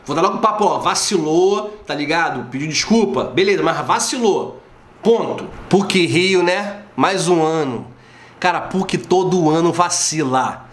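A Brazilian man in his forties with a Rio de Janeiro Portuguese accent records a casual opinion vlog in his living room, speaking slangily and with animation while telling stories and acting out quoted voices. His voice is on the high side and his pace is measured. The camera mic is close, and the home room gives the sound a roomy echo.

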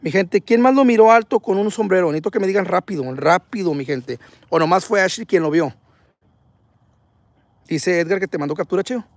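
A man hosting a live ghost-hunting stream outdoors at night, talking excitably in slang and reading viewer comments aloud. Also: sits high, brisk, no room sound. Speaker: paranormal livestream host.

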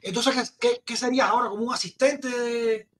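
A man hosting a casual interview, reacting excitably. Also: very high voice, a little fast. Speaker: host.

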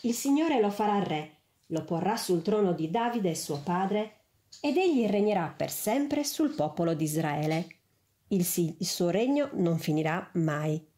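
A woman voicing a hesitant male angel messenger in a storybook reading, gentle and earnest, in a roomy space. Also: on the low side, lively intonation, measured pace. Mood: solemn. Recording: roomy echo.

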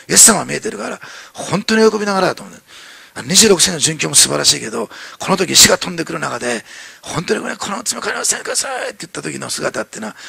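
A man preaching a sermon as pastor in a church, animated and fast, acting out the voices in his story with many fillers. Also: fairly high pitch, vocal fry, slightly rough, no echo.

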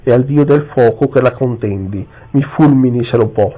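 A man's voice: medium pitch, normal speed, mellow, natural voice. A man voicing a fierce, proud Carthaginian warrior who speaks with commanding disdain, on a slightly dull recording. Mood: defiant.

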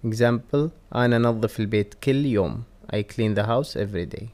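A man with a Kuwaiti accent, reading Arabic verb conjugations and English translations slowly and deliberately in a language lesson. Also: fairly low pitch, a little mellow. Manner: slow, deliberate word-by-word reading. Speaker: Arabic teacher. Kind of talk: reading vocabulary drills.

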